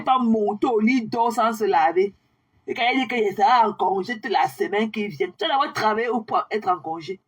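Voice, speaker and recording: Young woman, husky, scornful livestream ranter who taunts her critics and mixes in English. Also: on the high side. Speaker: social media livestreamer. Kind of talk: ranting monologue to viewers.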